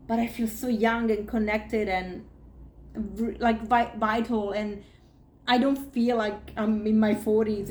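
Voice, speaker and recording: A woman's voice: a little high, reverberant. A woman in her forties, a podcast host and spiritual coach, talking casually and emotionally, often acting out her own inner thoughts. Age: 40s. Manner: animated, emotional, restarts and acted-out inner thoughts.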